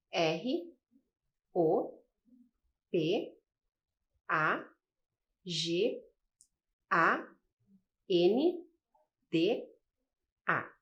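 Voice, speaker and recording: A Brazilian woman teaching a recorded class for schoolchildren. She talks slowly, with a lively, rising and falling voice, and keeps checking in with her viewers as she explains. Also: fairly high pitch. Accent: Brazilian Portuguese. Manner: slow, patient explaining with frequent "né?" and "ok?". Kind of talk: recorded video lesson.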